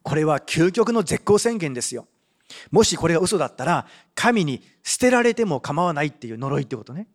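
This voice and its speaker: Man, pastor, sermon, higher voice, animated delivery. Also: a little fast. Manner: animated, with frequent rhetorical "ne" and Bible reading.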